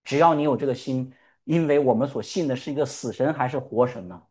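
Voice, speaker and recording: A man's voice: medium pitch, fast talker, darkish tone. A male pastor preaching a sermon. He fires rhetorical questions at the congregation and calls for amens. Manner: calls for "amen" responses.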